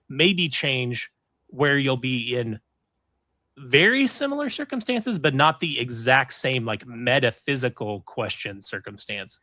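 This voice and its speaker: A man hosting a podcast with a bright, forward voice, recorded dry and close. He talks in a casual, inquisitive way and puts his guest's ideas into his own words to check that he has them right. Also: medium pitch, no echo. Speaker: podcast host. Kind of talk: casual discussion.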